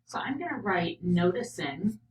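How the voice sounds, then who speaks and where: A middle-aged woman teacher or professor reads a children's story aloud and reflects on it as she goes, thinking out loud. Her voice is lowish and very animated, her pace moderate, and she often sinks into a murmur while noting ideas.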